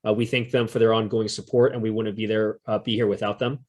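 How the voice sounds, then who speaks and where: A man with a lowish voice hosts a community interview, speaking fast with a flat delivery. He introduces a community event and asks questions in a friendly, curious way, using lots of fillers.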